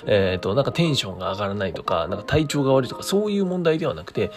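A man talks casually to his listeners as a stream host, with music playing behind him. His pitch moves around a lot as he slips between courteous announcer phrasing and informal asides. He hesitates and wanders as he works out his thoughts aloud. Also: lively intonation, very fast. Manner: polite presenter phrasing mixed with chatty asides; thinks aloud, hesitant and meandering. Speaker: creator hosting his own daily talk stream. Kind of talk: casual solo monologue to listeners.

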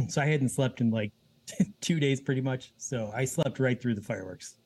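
A man in his thirties speaks as a podcast guest in easy, casual conversation. He is relaxed and laughs easily as he talks. His pitch sits in the middle for a man. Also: normal speed, slight background noise.

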